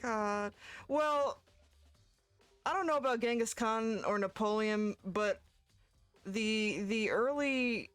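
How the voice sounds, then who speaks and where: A woman's voice: on the high side, slow pace, long pauses, a bit bright, clean tone, no room sound, faint music behind. A woman streamer chatting casually and giggling while she plays through a game. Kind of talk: casual chat while gaming.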